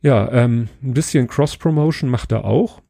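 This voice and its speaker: A man hosting a podcast, giving a relaxed, casual spoken book review and pausing to search for words. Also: medium pitch, creaky, no room sound, studio quality.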